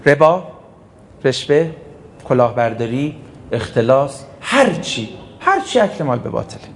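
This cleric preaches with great animation at a medium pitch, asking rhetorical questions only to supply the answers himself. He tells stories as he goes and performs brief quotes emphatically. A little hiss or hum sits under the recording.

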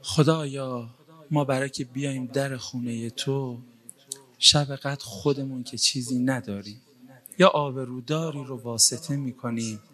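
A man's voice: mid-range voice, fairly even intonation, fairly bright tone. A man leading a devotional prayer night, telling a religious story and pleading fervently to God. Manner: pleading, fervent, rising to cries.

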